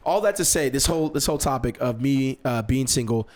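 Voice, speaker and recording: A man's voice: medium pitch, a little fast. A young man from Nigeria hosting a podcast, telling a story in casual chat and acting out quotes with bursts of laughter. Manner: animated, acts out quotes with laughter. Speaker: podcast host.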